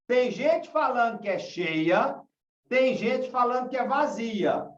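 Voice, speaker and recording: A man's voice: very high-pitched, lively intonation, slow, far from the mic. A man from Brazil teaching a class, asking questions and repeating example sentences. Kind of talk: online class lesson. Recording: dull, echoey room from afar.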